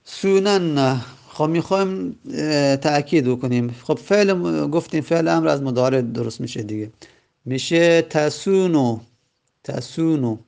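Male grammar teacher, gravelly voice, slow drilled repetition of forms. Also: fairly high pitch, a little mellow. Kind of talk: classroom lesson.

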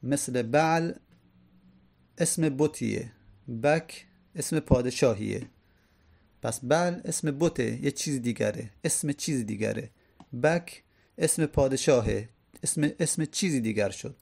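Gravelly-voiced man teaching a grammar lesson. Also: medium pitch, pauses often, a little mellow. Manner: explains patiently with repeated examples.

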